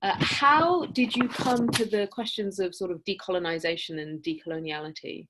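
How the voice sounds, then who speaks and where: A woman moderating an online academic panel, speaking in a measured, reflective way with frequent fillers over a video call. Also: medium pitch, heavy background noise.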